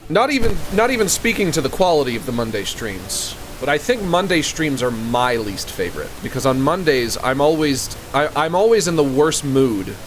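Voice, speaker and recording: Speaking at a moderate pace with few pauses, this male gamer streamer has a mid-range, very animated voice. His livestream talk is loose and rambling, full of jokes he laughs at himself, over background music. The pricey large-diaphragm condenser mic he uses makes his s-sounds harsh and hissy.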